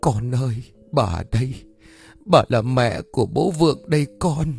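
A man's voice: medium pitch, expressive, measured pace, vocal fry, darkish tone, breathy edge, soft background music, full character voice. A man voicing a remorseful old grandmother in an audio story, pleading and apologetic. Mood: tearful.

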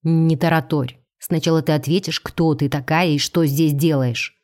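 A woman's voice: sits low, steady tone, moderate pace, a little mellow, voice pushed down, natural voice. A woman reading an audiobook, voicing a cold, commanding male alien starship captain. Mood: interrogating.

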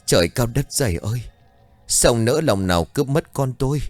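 A man voicing a grieving village mother who wails and cries out in high, shrill lament for her dead son. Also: lively intonation, moderate pace, darkish tone, no echo, soft background music, natural voice. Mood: wailing grief.

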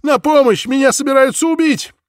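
A man voicing a terrified captive who shouts for help in shrill, pleading cries. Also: a little fast, no echo, studio quality. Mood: desperate. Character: terrified male Spanish captive crying for help.

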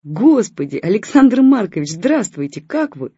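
Woman as a brisk, sharp-tongued young mother. Husky, dull lo-fi read. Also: deep voice, lively intonation, no room sound. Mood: flustered. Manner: snappy, blunt. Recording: dull lo-fi recording.

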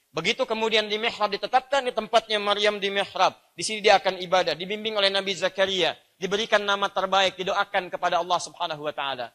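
A man preaching a sermon, swinging from loud emphatic lines to soft, low asides.

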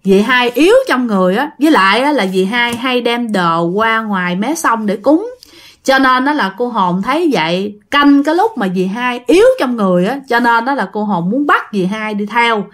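A woman's voice: on the high side, expressive, moderate pace, a bit bright. A woman telling a ghost story in a conversational way, speaking directly to her listeners.

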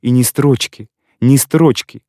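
A man's voice: mid-range voice, takes it slowly, warm tone, no room sound, studio quality. A man reading an audiobook voices a heartbroken young girl who pleads and protests through tears. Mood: distraught pleading. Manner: distraught, breathless pleading.

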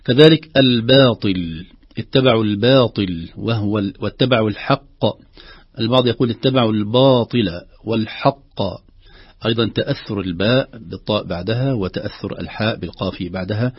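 A man teaches the rules of Quran recitation in a husky voice, patiently sounding out sample words slowly and repeating them. The recording is dry and close, with a slightly dull, muffled tone. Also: lowish voice, no echo. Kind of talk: explaining recitation rules with spoken examples.

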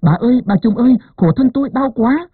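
A man's voice: extremely high pitch, animated, fast talker, slightly rough, dry recording, pitched above the performer's own voice, full character voice. A man voicing a young peasant woman in painful labor who wails and pleads breathlessly. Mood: desperate. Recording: narrow phone-like sound.

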